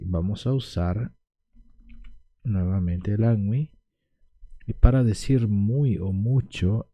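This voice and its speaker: A man gives a whiteboard language lesson in a low, very dark and mellow voice. He talks slowly and says each word over and over for pronunciation practice, and the sound is dry and close. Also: no echo. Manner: slow, repeats words for pronunciation drills. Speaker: language teacher.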